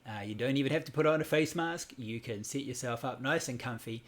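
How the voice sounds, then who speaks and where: A New Zealander in his forties teaches Buddhism on a casual livestream, talking in a relaxed, rambling manner with many fillers and restarts. His mid-range voice moves briskly over a computer or phone connection.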